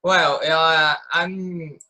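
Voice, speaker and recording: A Brazilian man in his late twenties, whose first language is Portuguese, takes part in a casual group discussion. His voice is a little high, with a bright, steady tone. He speaks haltingly, repeating words while he searches for the right ones.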